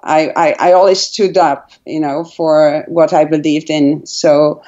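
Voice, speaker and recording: A Portuguese brand founder in her forties tells her story as a guest in a casual interview, hesitating often with lots of fillers and restarts. Her low, dark-toned voice stays fairly even and unhurried. The audio is dull.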